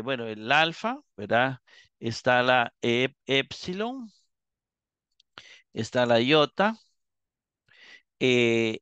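A man teaching a live Greek class, explaining slowly and checking in with his students as he goes. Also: medium pitch, bright, forceful tone, smooth, no room sound. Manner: slow, explanatory, repeats and checks with "¿verdad?".

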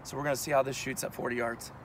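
A man's voice: medium pitch, flat delivery, racing, a little hiss or hum. A man in his thirties giving a casual, matter-of-fact review at an outdoor shooting range, recorded by a camera a few steps away. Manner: plain, matter-of-fact explaining. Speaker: channel host. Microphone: camera mic at a distance.

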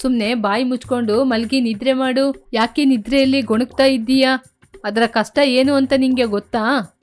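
A woman voicing a stern young husband who scolds his wife in a lowered voice. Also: fairly even intonation, moderate pace, soft background music, natural voice. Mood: scolding.

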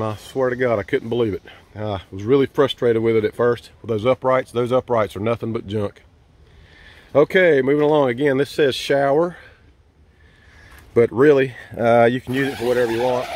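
A man giving a casual, folksy walkthrough of his campsite and tent, filmed on a handheld camera as he walks. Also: mid-range voice. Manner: easygoing, folksy, hesitant with fillers. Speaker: vlogger giving a campsite tour. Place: campsite outdoors and inside a large tent. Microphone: handheld camera mic, filming himself walking.

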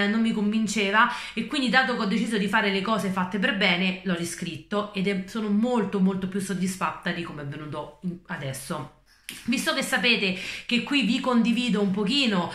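Chatty young woman in an echoey room. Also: medium pitch. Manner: chatty, animated, exasperated. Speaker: novelist vlogger. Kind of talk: casual vlog chat. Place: indoors, living room at home.

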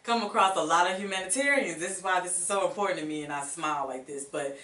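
A woman hosting a radio interview, chatty and quick to laugh as she tells stories. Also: lowish voice, pushed and bright, recorded from a distance. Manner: chatty, laughs often, storytelling. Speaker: radio show host. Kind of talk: casual interview chat. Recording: echoey room, voice off-mic, faint noise.

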